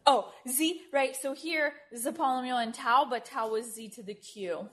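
A woman's voice: high-pitched, normal speed, fairly bright tone. A woman giving a university math lecture at a board in a lecture room, speaking informally, often checking in with "right?" and correcting herself as she writes. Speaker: mathematics lecturer.

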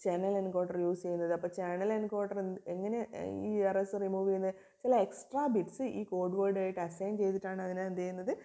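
A woman teaches a recorded video lecture in a mellow, dark voice whose pitch barely moves, keeping her intonation fairly even. Like a teacher guiding a class, she repeatedly asks questions and answers them herself, and she reads English definitions slowly.

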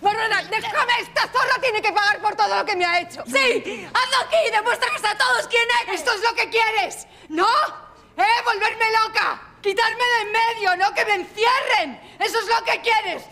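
An actress playing a jealous, betrayed wife who rants in a shrill, accusing voice with bitter laughs, in a Spanish TV drama. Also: female voice, moderate pace, sharp tone, a little hiss or hum, full character voice. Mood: furious. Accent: Spain Spanish. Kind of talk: TV drama acting.

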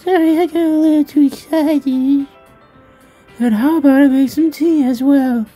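A man voicing a bubbly, excitable teenage schoolgirl in a high, squealing falsetto while reading a visual novel aloud. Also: measured pace, faint music behind, rough recording. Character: bubbly cheerful teen schoolgirl.

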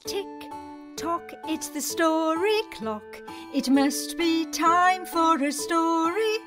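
A woman presenting a story for small children, inviting them to join in. Her voice is high and swoops expressively, with a slow, singsong delivery. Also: over music. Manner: animated, singsong, with acted sound words. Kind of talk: interactive storytelling for young children. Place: small indoor children's show set.

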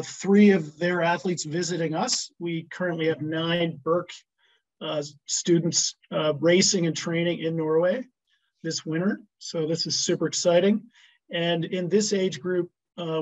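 A man's voice: a little high, rough recording. A man presenting a ski program on a video call, hesitant with many restarts and fillers.

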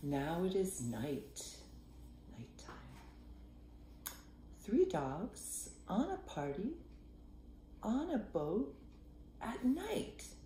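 Slow, playful older woman reading aloud. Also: lowish voice, slight background noise. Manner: slow, playful reading with soft whispered asides to the child. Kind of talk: reading a picture book aloud to a child. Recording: roomy echo.

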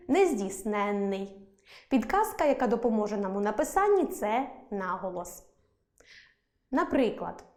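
A woman's voice: fairly high pitch, a little mellow. Woman teacher, echoey room. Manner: clear, slow dictation of example words. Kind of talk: scripted online lesson.

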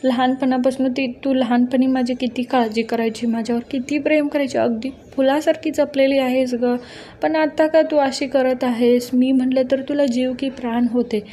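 Woman reading a pleading young impostor, smooth and mellow, in a serial recap. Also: high-pitched, steady tone, normal speed, natural voice. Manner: pleading and sweet toward her mother. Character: scheming young woman posing as a daughter.

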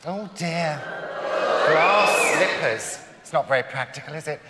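A man's voice: on the high side, measured pace, close to an everyday voice. Camp British man playing a pantomime good fairy, noisy hall. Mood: breezy, wry. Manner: camp, arch, deadpan asides. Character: camp, drily fussy male good fairy. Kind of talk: theatrical pantomime acting. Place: large theatre stage with audience. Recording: noisy live theatre recording, hall reverb.

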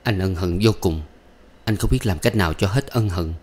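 A man voicing a gentle, earnest young soldier. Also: deep voice, normal speed.

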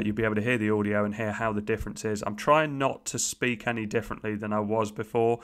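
A tech video host with a lowish, slightly bright voice does a casual gear review at his home desk, speaking into a USB podcast microphone. He rambles, with many uhs and restarts.

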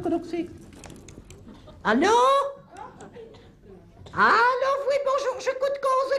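Man playing a shrill old peasant granny. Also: a little mellow, heavily acted. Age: over 70. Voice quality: shrill, quavering, cackling. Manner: rambling, chatty, scolding. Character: cantankerous old countrywoman, stubborn and gossipy. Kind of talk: live stage comedy sketch. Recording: live stage with audience laughter and noise.

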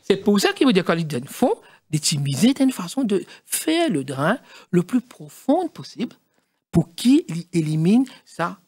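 A middle-aged man with a Mauritian accent, a studio guest explaining in halting speech with many fillers and restarts. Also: high-pitched, big pitch swings, a little mellow, breathy edge, no echo. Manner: halting, mixes French and Creole, many fillers. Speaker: studio guest, former district council president.

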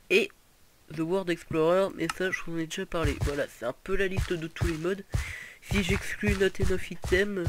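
A young man hosting a gaming video gives casual gameplay commentary in a slightly high voice, rambling with lots of fillers and restarts. There's background noise.

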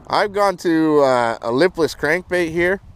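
A man talks casually to his viewers while fishing from the shore. His voice sits a little high and bursts into excited shouts when a fish bites. Steady wind and water noise run under the outdoor recording. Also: a little slow. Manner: excitable, exclaiming at catches. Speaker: fishing vlogger. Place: outdoors on a canal bank. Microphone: wearable action camera.

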